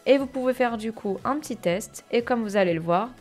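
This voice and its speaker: A woman giving a casual tutorial on streaming software, chatty and full of fillers, calling her viewers "guys". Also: fairly high pitch, fairly quick, faint music behind. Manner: chatty, many fillers, addresses viewers as "les gars". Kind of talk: casual screen-share tutorial. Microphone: headset or desk mic with earphones.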